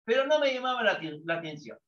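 Very high-pitched and sing-song, with a fairly bright tone, an older man from Peru talks fast while teaching psychology to students. He fields his own questions, asking and answering them. The recording has an echoey, distant, dull lo-fi sound.

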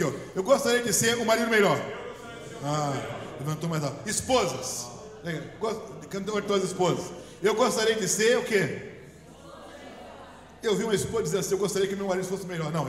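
A middle-aged man from Brazil with a Brazilian Portuguese accent, preaching a lively sermon as pastor and leading the congregation in call-and-response. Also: high voice. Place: large church hall. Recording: echoey church hall.

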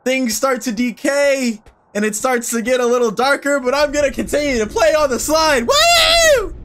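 A man's voice: very high-pitched, steady tone, normal speed, a little hiss or hum. A young man giving playful horror game commentary as a scared streamer, nervous and mock-cheerful with exaggerated reactions. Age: young adult. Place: small indoor streaming room.

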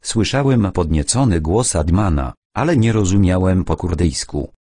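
A man narrating a first-person adventure audiobook in a measured, steady way. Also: low voice, no echo, clean studio sound.

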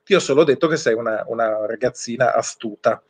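A man, a children's author, reading his own story aloud and chatting playfully, with animated storytelling and chatty asides. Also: mid-range voice, a little fast, breathy edge. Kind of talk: book reading with casual chat.

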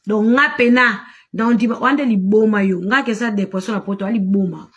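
A woman's voice: mid-range voice, moderate pace. A woman, delivering an angry, accusatory live-stream rant and mixing in French. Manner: accusatory, emphatic, mixes French in. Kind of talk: angry ranting monologue.

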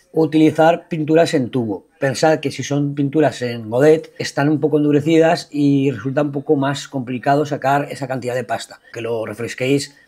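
A man's voice: medium pitch, darkish tone, husky. A man with a Peninsular Spanish accent, narrating a painting tutorial as a voice-over in a patient, reassuring way. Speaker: watercolor painting teacher.

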